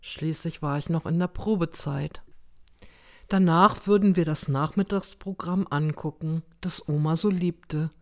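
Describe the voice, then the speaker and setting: A woman reads a first-person story aloud with a slow, unhurried pace and a rather low voice. Her delivery is measured and steady, in the manner of an audiobook narration. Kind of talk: audiobook reading.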